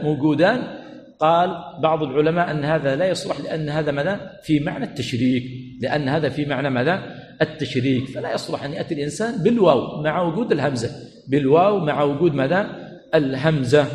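A man teaching a religious lesson to students, quizzing them with repeated questions and stretching words slowly for emphasis. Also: fairly high pitch. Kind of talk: classroom lecture. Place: teaching center hall. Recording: echoey hall with long reverb, faint room noise.

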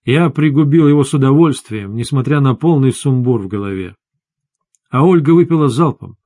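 A man tells a first-person story in a calm, even manner. His voice sits at a middling pitch. The sound is dry and close, with no room echo. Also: normal speed. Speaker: audiobook narrator. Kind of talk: first-person audiobook narration.

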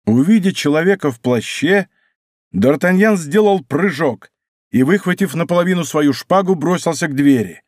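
Male audiobook narrator, slightly high voice. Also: animated, normal speed, dry recording, studio quality.

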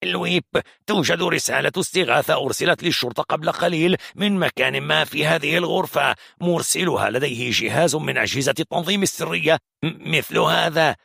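A man voicing a hostile, impatient armed young man who interrogates harshly, in a gravelly, husky voice. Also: huge pitch swings, fairly quick, dry recording, clean studio sound, exaggerated voice. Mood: angry. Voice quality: gravelly, husky, higher than narrator. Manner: harsh, threatening, demanding questions. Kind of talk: audiobook character voice.

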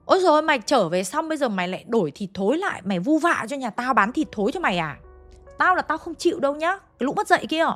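A woman's voice: high voice, sing-song, quick pace, faint music behind, voice pushed up. Woman doing a screeching shrewish village wife. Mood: furious shrieking. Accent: Hanoi Vietnamese. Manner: screeching, scolding, abusive. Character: shrill foul-mouthed village wife, older, hot-tempered.

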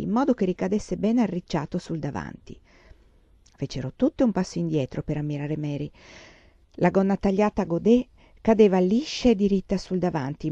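Low, mellow woman reading a storybook. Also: dry recording, highs cut off. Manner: calm, measured reading. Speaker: audiobook reader. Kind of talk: storybook narration.

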